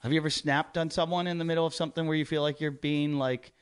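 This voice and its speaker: A man who is a comedian guest on a podcast, chatting casually in a halting, rambling way. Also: on the high side, steady tone, smooth. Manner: rambling, halting, full of fillers. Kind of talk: casual chat.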